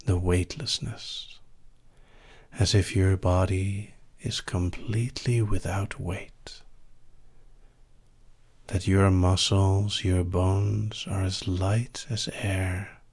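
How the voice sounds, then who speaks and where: Low male voice, very slow, soft and intimate right in your ear, soothing hypnosis induction, half-whispered, long pauses. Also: little pitch movement, husky. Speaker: hypnosis session host. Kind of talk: live relaxation hypnosis induction.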